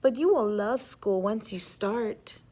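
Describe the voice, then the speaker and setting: A woman voicing a gentle mother raccoon in a storybook, tender, soothing and coaxing. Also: medium pitch, slow. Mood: gentle, encouraging.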